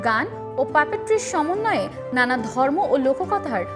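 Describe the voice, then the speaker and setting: A woman's voice: sits high, very animated, normal speed. A woman reading a formal, literary scripted television feature narration. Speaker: segment narrator. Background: music behind the voice-over.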